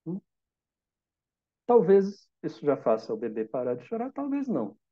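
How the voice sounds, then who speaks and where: This muffled recording captures a Brazilian Portuguese-accented man speaking at a normal pace in a somewhat high voice. His meditation talk is calm and reflective, using simple examples and questions to guide his listeners.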